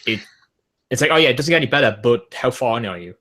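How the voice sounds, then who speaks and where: A man's voice: mid-range voice, expressive, fast talker, pushed and bright. Chill guy cohosting a podcast, jokey, riffs on dumb ideas. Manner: joking, laid-back, riffs on silly ideas. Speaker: podcast co-host. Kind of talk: casual podcast chat.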